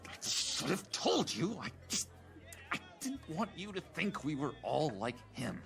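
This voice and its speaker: A man's voice: a little high, huge pitch swings, measured pace, creaky, a bit bright, soft background music, exaggerated voice. An actor playing a giddy, clingy young man in a video game, with an erratic, sing-song way of talking and frequent giggles. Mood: earnest.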